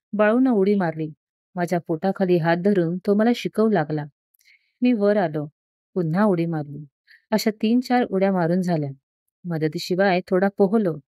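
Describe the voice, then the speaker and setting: A woman narrating a story in a calm, even storytelling delivery. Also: fairly low pitch, dry recording, clean studio sound.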